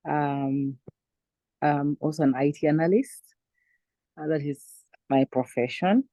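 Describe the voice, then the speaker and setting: A woman from Uganda calmly introducing herself at an online meeting. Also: low voice, unhurried, no room sound. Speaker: meeting participant.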